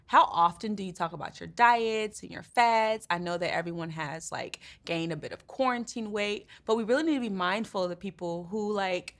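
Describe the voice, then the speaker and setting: A woman's voice: mid-range voice, normal speed, few pauses, a bit bright, natural voice. A woman playing a blunt, sarcastic young podcaster who swears freely. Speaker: podcast co-host. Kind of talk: comedy sketch.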